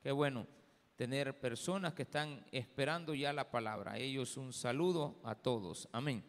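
A pastor with a Salvadoran Spanish accent, reading scripture aloud, praying and preaching in slow, deliberate phrases with pauses. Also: male voice, mid-range voice, long reverb tail. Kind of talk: sermon with scripture reading and prayer. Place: church sanctuary.

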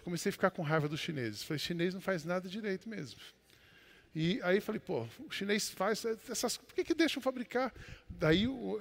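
A Brazilian-accented male pastor delivers a storytelling sermon, his fairly high voice ringing with the long reverb of a large hall. He swings from loud declarations to low, confiding asides. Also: vocal fry. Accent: Brazilian Portuguese.

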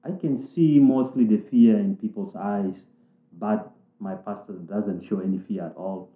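A man from South Sudan, speaking in a thoughtful, halting way with restarts as he interviews people in a reflective conversation. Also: fairly low pitch. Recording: echoey room, tinny phone-like sound.

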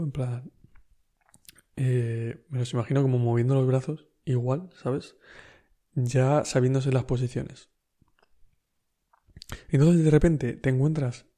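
Man w spain spanish accent, chill storytelling, laughs a lot, mellow warm voice. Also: mid-range voice. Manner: laid-back anecdotal, laughs often, slangy. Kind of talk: casual storytelling.

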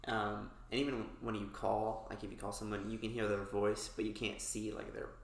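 A man in a casual group discussion who grows animated when making a point. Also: on the low side, moderate pace, vocal fry. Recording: echoey room.

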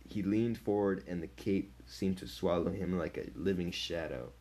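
Man, deep voice, novel read aloud, steady, occasional slips. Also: moderate pace. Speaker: narrator.

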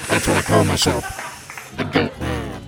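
A man voicing a gleeful, boastful male Christmas demon who hosts a comedy show, talking in a growling, mocking rasp with many cackles. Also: deep voice, steady tone, measured pace, over loud music, full character voice. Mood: gleeful menace. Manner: mocking, cackling, rambling menace. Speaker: show host.

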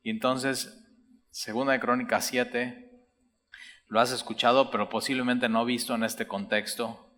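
A man's voice: medium pitch, level tone, a little slow, bright, forceful tone. A man preaching a sermon, reading Bible verses aloud and explaining them while speaking straight to the listener. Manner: reads scripture aloud then explains, addresses listener directly. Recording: long hall reverb.

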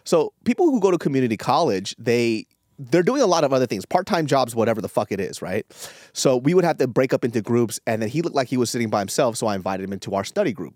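A man's voice: medium pitch, darkish tone, no room sound. A man co-hosting a casual sports podcast who swears freely and tells stories, close to the mic. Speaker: podcast co-host. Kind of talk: casual chat.

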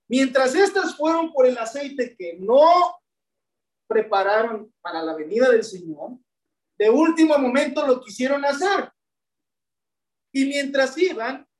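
High-voiced woman preaching in an echoey hall. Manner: asks the congregation rhetorical questions, addresses them as brethren. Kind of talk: sermon. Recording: echoey room, voice from a distance.

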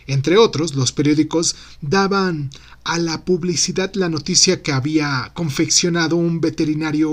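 A man hosting a show, reading a true mystery story aloud as scripted narration. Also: on the high side. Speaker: podcast host and narrator.

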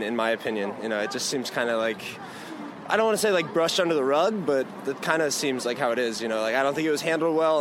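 Casual American man over street traffic. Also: mid-range voice. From Florida, United States. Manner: casual, fillers like 'you know'. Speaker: language school teacher. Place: city street outdoors.

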